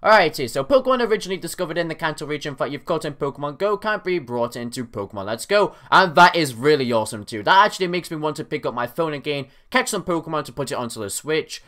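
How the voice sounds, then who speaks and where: A young man giving casual, excited reaction commentary on game news, his voice cracking now and then. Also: on the high side, quick pace, few pauses. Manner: excitable, animated, frequent self-corrections. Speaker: gaming YouTuber.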